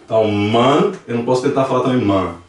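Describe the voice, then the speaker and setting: In an echoey church classroom recorded from a distant microphone, a Brazilian Portuguese–accented man leads a language lesson. His voice is medium-pitched and his pace quick as he patiently explains and says examples aloud again and again.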